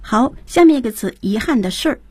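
A woman's voice: a little high, lively intonation, brisk, darkish tone, slightly rough, no room sound. A woman co-hosting a radio English lesson, introducing each new word and summing up what the teacher said. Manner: prompts the next word and recaps the teacher. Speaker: radio co-host. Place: radio studio.

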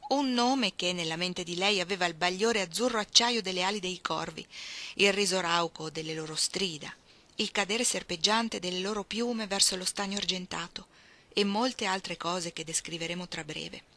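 A woman reading a literary novel aloud, expressive, dropping at times to hushed, almost whispered phrases. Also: fairly low pitch, normal speed, a little hiss or hum. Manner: expressive, shifting between soft hushed phrases and emphatic ones. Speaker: reader.

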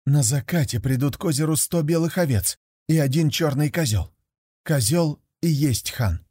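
A man voicing a clever young wife who knows magic and calmly advises her husband. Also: a little high, moderate pace, no echo, clean studio sound, voice pushed up. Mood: knowing. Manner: calm, knowing counsel.

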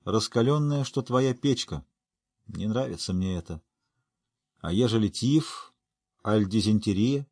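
Man doing a raised, husky, rough-talking old dwarf, jovial, dry storybook reading. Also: fairly low pitch, lively intonation, unhurried, pauses often, a little mellow, dry recording, exaggerated voice. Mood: gruff jovial. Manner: folksy rough speech, teasing. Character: gruff boisterous male dwarf, older, laughs often.

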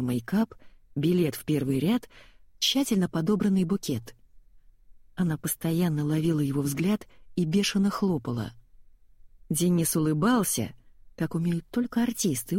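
A woman reads a story aloud in an even, measured way. Her voice is low, mellow and slightly husky, recorded close and dry. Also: no room sound. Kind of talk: audiobook story reading.

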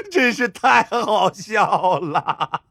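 A man's voice: on the high side, big pitch swings, fairly quick, slightly rough, no room sound, clean studio sound. A man playing a cackling sinister underground cobbler. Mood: gloating. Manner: sinister mocking laughter. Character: sly gleeful male cobbler of an underground race.

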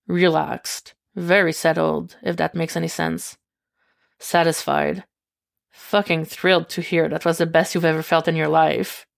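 A self-assured young man speaks with easy, gentle reassurance and a playful edge, as a woman reader gives him voice. His tone carries a heavy gravelly fry, in a read-aloud fan story. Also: a little high, little pitch movement, unhurried, no room sound, clean studio sound.

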